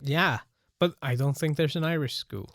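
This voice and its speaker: A podcast co-host chatting casually, measured and thoughtful with dry remarks. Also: medium pitch, fairly bright tone, no room sound. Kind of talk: casual chat.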